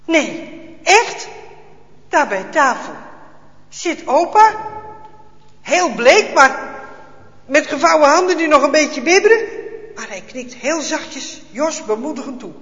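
A man telling a children's Bible story in an expressive, dramatic way, with small hesitations. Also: extremely high pitch, measured pace, long pauses. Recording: echoey hall, dull lo-fi sound.

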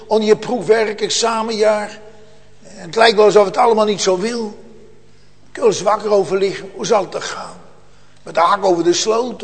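A man preaching a solemn sermon, slow and earnest, rising at times to loud emotional cries. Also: sits high. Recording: long church reverb.

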